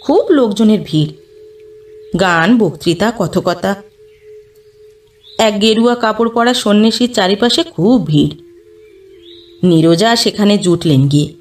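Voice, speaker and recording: A woman narrating a classic short story in a slow, measured reading. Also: mid-range voice, a little mellow. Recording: distant mic, faint background music.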